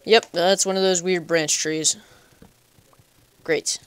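A man's voice: sits high, steady tone, slow, a bit bright, smooth. A man giving casual, chatty let's play commentary, talking to himself playfully and making up goofy nicknames for animals. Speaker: gaming channel host.

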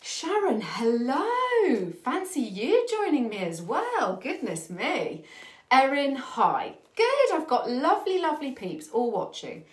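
A woman's voice: sits high, very animated, takes it slowly. A British woman hosting a live furniture-painting stream, out of breath and chatty, greeting her viewers by name. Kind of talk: live demo chat with viewers. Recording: echoey room.

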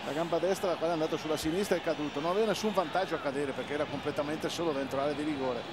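A man analysing a live football match as co-commentator, talking conversationally and haltingly, repeating his phrases. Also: on the high side. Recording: very noisy stadium broadcast.

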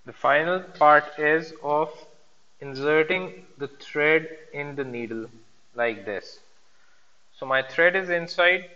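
A male instructor talks through a hands-on demonstration in a bright, forceful voice. He moves between two languages while explaining each step. The sound is dull, with a long room reverb. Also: fairly high pitch, slow. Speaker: sewing instructor. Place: indoor workroom at a sewing machine.

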